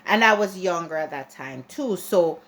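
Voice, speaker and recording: Speaking at a normal pace with lively intonation, this lowish, fairly bright-toned woman is a Jamaican vlogger. She delivers a casual, ranty opinion monologue to her viewers, frequently starting over and saying things twice.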